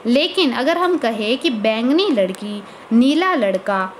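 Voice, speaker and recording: A woman with a high voice teaches a college language lecture in Hindi. She explains step by step, often asking a question and then answering it herself. A faint background hum sits under her voice. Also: animated, slow pace.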